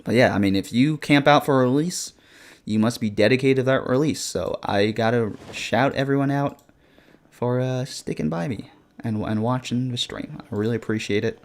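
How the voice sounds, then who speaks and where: At a moderate pace and mid-range pitch, a man live-streams a horror game, commenting casually with slang. He reacts in a scared, jumpy way and makes asides to chat.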